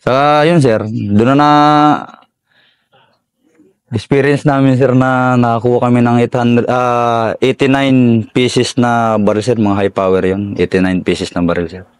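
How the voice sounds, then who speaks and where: Halting soldier saying sir, dry sound. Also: male voice, medium pitch, level tone, clear, resonant tone, no room sound. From Philippines. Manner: deferential, says "sir" constantly, halting with fillers. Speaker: soldier recounting combat. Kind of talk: interview war story.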